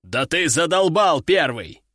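A man voicing a hot-tempered male army general who barks his orders in drawn-out shouts. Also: on the high side, expressive, no room sound, studio quality. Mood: bellowing. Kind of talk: audiobook character voice.

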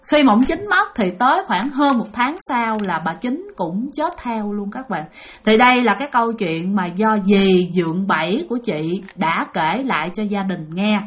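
A woman with a Southern Vietnamese accent telling a ghost story in a lively, dramatic way, speaking straight to her listeners. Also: medium pitch.

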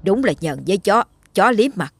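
A woman's voice: lowish voice, expressive, normal speed, soft background music. A woman voicing a scheming, mocking older first wife who scolds shrilly and wails theatrically. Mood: spiteful.

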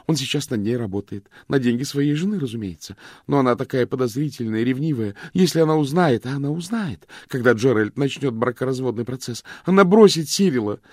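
A man's voice: mid-range voice, gravelly, a little mellow, breathy edge, no echo, voice pushed up. A male reader voicing a desperate young woman who pleads breathlessly in a dry, close recording.

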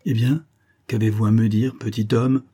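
A man voicing a menacing dark giant, an immortal demonic being who speaks with scorn and threats, in an audiobook. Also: fairly low pitch, level tone, normal speed, natural voice. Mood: scornful.

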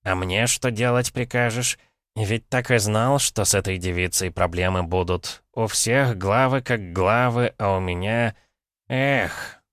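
A man's voice: medium pitch, steady tone, a little fast, fairly bright tone, no echo, clean studio sound, pitched above the performer's own voice, lightly acted. A man voicing a fretful male grapevine spirit who complains and frets, in an audiobook. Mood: complaining. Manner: complaining, exasperated.

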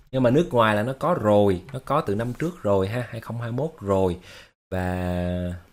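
A man hosting a casual livestream, talking to his viewers in an explanatory way, with lots of fillers and repeated words. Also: mid-range voice. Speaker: livestream host.

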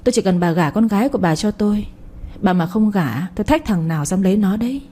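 A woman's voice: mid-range voice, lively intonation, fast, dark tone, close to an everyday voice. A woman voicing a brash, arrogant young village man who speaks as if giving orders, in an audiobook story. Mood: taunting. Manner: commanding, taunting, defiant.

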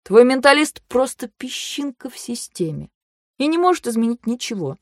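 A woman reading the part of a stern, condescending young man who lives by the rules, speaking slowly and low. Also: big pitch swings, no echo, studio quality. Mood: patronizing.

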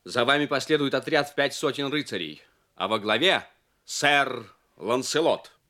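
An actor playing a solemn, commanding legendary king in an audio drama, stately and measured. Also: medium pitch, sharp tone, soft background music, natural voice. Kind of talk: Soviet audio drama acting.

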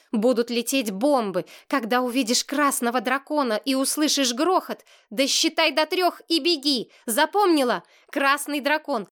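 An odd little boy speaks with the earnest urgency of a much older man, as a woman reading the story puts him on. His voice sits raised above her own, pressing and warm-hearted in an audiobook. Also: high-pitched. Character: odd little boy who talks like an old sage.

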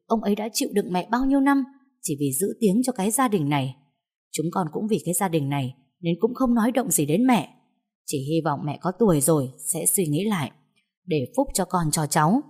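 A woman's voice: low-pitched, mellow. A woman doing an exasperated grown son. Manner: urgent, pleading then scolding.

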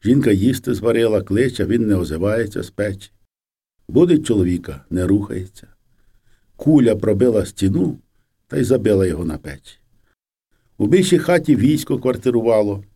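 Mellow-voiced man reading an audiobook. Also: fairly low pitch, expressive, moderate pace, husky. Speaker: audiobook reader. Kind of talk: audiobook narration of a memoir.

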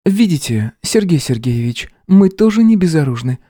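A man voicing a calm, cold woman teacher in an audiobook. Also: on the high side, normal speed, no echo, clean studio sound, voice pushed up.

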